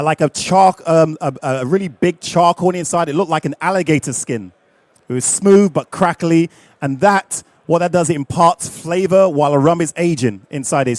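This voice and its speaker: A middle-aged man leading a live rum tasting, lively and jokey, chatting with his audience. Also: sits high, no room sound.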